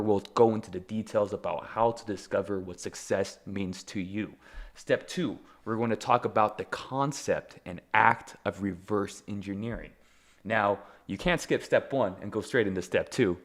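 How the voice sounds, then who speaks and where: A young man hosts a solo motivational podcast, talking energetically with a fairly low voice. He leans hard on emphasis and slips in self-deprecating asides as he goes. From Taiwan. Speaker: podcast host.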